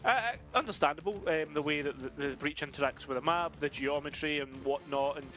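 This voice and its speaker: A man's voice: a little high, a little fast, fairly bright tone, soft background music. A British man analysing an esports match as co-caster, explaining tactics in a thoughtful, hesitant way with many fillers.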